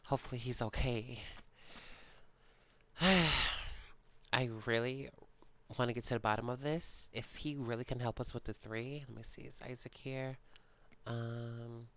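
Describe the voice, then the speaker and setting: A man at a middle pitch for his sex, talking his way through an in-character game role-play. He sounds sleepy and yawns now and then, speaking softly and hesitantly and filling gaps with ums and sighs. Casual and unscripted. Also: fairly even intonation, normal speed. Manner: hesitant and soft-spoken, many ums and sighs. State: yawning, sleepy. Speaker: gaming channel creator.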